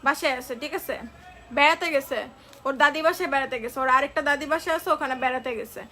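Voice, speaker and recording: A woman from Bangladesh, unwell, selling products on a phone live stream. She talks slowly and chattily, repeating prices and answering viewers. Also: high voice, steady tone, sharp tone, soft background music. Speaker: online shop seller. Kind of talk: live-stream sales pitch.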